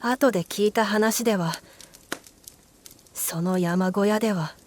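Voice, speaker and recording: A woman narrating a scripted ghost story in a hushed, eerie manner, with deliberate pauses. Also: medium pitch, slight background noise.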